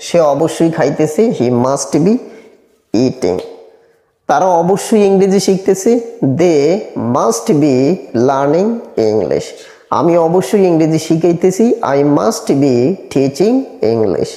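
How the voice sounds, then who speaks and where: A man teaching a spoken English grammar lesson, repeating example sentences slowly and deliberately. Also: on the high side, expressive, mellow. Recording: echoey room with long reverb.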